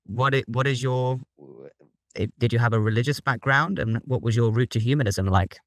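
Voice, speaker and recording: A man's voice: medium pitch, moderate pace, no room sound. A man hosting an interview podcast, encouraging his guest and asking curious questions. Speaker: podcast host. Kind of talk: conversational interview.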